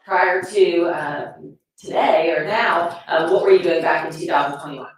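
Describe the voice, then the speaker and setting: A woman lawyer questioning a witness in a brisk, formal way, sounding like she is talking through an echoing tube. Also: fairly low pitch, a little hiss or hum. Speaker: prosecutor. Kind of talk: direct examination of a witness. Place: courtroom. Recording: echoey courtroom audio from a distant mic.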